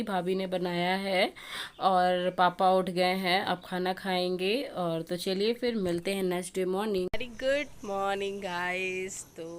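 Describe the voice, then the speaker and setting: A woman's voice: mid-range voice, fairly bright tone, a little hiss or hum. Chatty woman vlogging at home. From Uttar Pradesh, India. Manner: chatty, speaks straight to viewers. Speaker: vlogger and mother. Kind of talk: casual home vlog. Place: family home.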